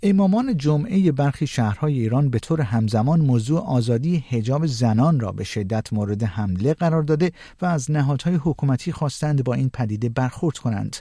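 A male news anchor reads his bulletin in a measured, even way. His voice is dark and mellow. The sound is dry and close, with no room around it. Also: medium pitch, no echo. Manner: measured, even newsreader delivery. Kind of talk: scripted news reading.

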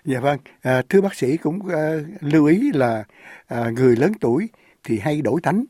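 A man's voice: a little high, lively intonation, moderate pace, mellow, slightly rough, no echo, studio quality. A man hosting a radio interview, polite and deferential, with frequent fillers. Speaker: radio host.

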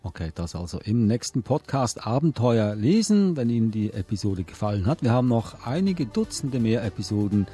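A man's voice: on the low side, big pitch swings, normal speed, few pauses, mellow, faint music behind. A man hosting a podcast on children's books, introducing segments and chatting with his co-host. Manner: conversational, presenting.

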